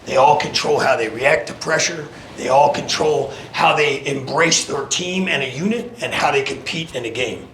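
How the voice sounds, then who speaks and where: A man with a gravelly voice giving an impassioned, preaching pre-game pep speech as a motivational coach, driving points home with emphatic repeated phrases. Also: medium pitch, normal speed, hardly any pauses, a bit bright, a little hiss or hum. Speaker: motivational coach, guest speaker. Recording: echoey room.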